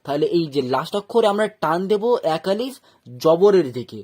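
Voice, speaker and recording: A man's voice: fairly high pitch, lively intonation, fairly quick, darkish tone. A man with a Bengali accent teaching Quran reading step by step, breaking words into syllables and often checking that learners follow. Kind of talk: step-by-step recitation lesson.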